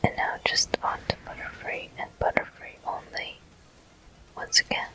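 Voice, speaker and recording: A walkthrough host gives whispered ASMR commentary on a game, speaking close to the microphone in slow phrases separated by pauses. It sounds pushed and bright, with poor audio.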